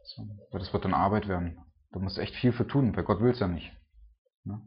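Low-voiced man preaching casually. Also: fairly quick, highs cut off. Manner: informal, tags nearly every sentence with a questioning "ne?". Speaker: preacher and church planter.

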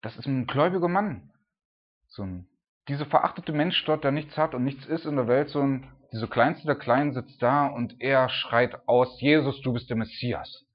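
Male preacher, casual sermon, chatty with tag questions, acts out cries, muffled lo-fi recording. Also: moderate pace. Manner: conversational, frequent "ne?" tags, acts out voices with loud high cries. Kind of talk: informal sermon. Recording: dull lo-fi sound.

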